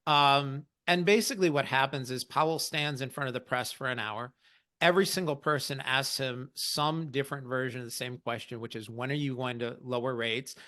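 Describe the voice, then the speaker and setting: A man's voice: mid-range voice, normal speed. A man hosting an investing podcast, explaining central bank news in a wry, conversational way. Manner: explanatory, wry, lively asides. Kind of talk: conversational market commentary.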